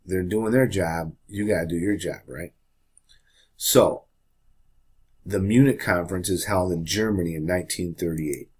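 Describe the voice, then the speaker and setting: A man teaching a high school history lesson in a casual, chatty way, often checking in with the class. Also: moderate pace, long pauses, a little mellow, husky. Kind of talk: classroom lecture.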